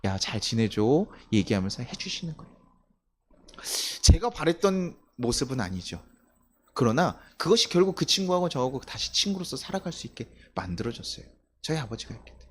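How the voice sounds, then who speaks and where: A man's voice: a little high, very animated, a little fast, a little hiss or hum. A young male pastor preaching a Sunday sermon, telling stories, asking the congregation questions and acting out the voices he quotes.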